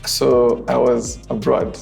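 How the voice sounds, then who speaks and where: A man in his twenties hosting a relaxed group chat, talking in halting bursts full of restarts and fillers. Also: medium pitch, gravelly, music in the background. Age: 20s. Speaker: host. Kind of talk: casual chat.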